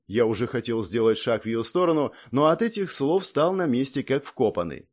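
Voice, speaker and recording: A man narrating a fantasy audiobook in the first person, expressive and acting out the dialogue. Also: medium pitch, moderate pace. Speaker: audiobook reader.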